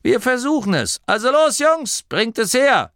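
A boastful old gnome inventor with a thin, raised voice barks orders at his helpers, as a male reader puts him on. The delivery swings wide in pitch, recorded dry and close with faint music underneath. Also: big pitch swings, normal speed, gravelly, a bit bright, dry recording, heavily acted. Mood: commanding. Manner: high, bossy calls.

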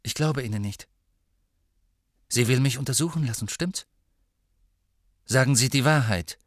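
A suspicious, defiant boy who snaps orders in quick, high bursts, as a male audiobook narrator puts him on. The voice sits well above the reader's own and sounds dry and close. At times it sinks to a feverish whisper. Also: no echo, lightly acted. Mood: angry. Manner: fast, sharp and demanding, dropping to feverish whispers. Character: defiant suspicious eleven-year-old boy, commanding.

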